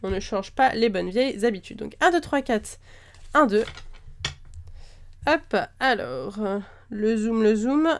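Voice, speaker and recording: A little high and expressive, her voice moves a bit slowly with frequent pauses over slight background noise. She's a card-opening video host with a mild cold, casually listing each item from her packs amid many "euh" fillers.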